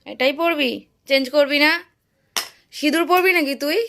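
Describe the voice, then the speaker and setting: A woman chatting casually to her viewers in a home vlog, her voice a little hoarse. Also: high voice, moderate pace, fairly bright tone, slight background noise. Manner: chatty, addresses viewers directly. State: voice getting hoarse. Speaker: vlogger.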